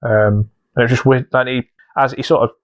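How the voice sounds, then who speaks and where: A man's voice: mid-range voice, steady tone, fairly quick, lo-fi sound. A man co-hosting a podcast in casual chat, rambling with lots of fillers and restarts. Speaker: podcast co-host.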